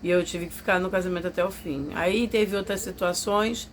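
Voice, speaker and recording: A woman's voice: on the low side, fairly even intonation, brisk, slight background noise. A woman telling a personal testimony to her viewers, confiding and emotional, acting out what others said. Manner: confiding, emotional storytelling that acts out others' voices. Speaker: vlogger telling a personal story.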